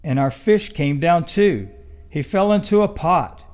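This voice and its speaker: A man narrating a children's storybook in expressive, rhythmic rhyme, with deliberate delivery. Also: a little high.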